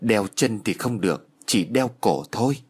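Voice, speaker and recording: A man's voice: on the low side, expressive, moderate pace, breathy edge. A man voicing a vengeful young man who coldly mocks his enemies in a told story. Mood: mocking. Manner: cold, mocking.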